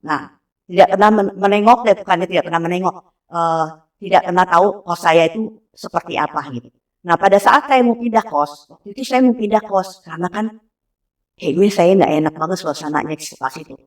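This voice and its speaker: A woman in her thirties telling a personal story in a casual, animated way, acting out the voices of people she quotes. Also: on the low side, fairly quick. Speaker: interview guest. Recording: voice slightly distant from mic.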